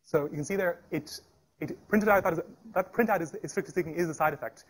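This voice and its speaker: A man giving a live technical presentation at a meetup, talking fast with frequent restarts and fillers. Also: a little high. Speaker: tech meetup speaker. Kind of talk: live technical talk with demo. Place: meetup room.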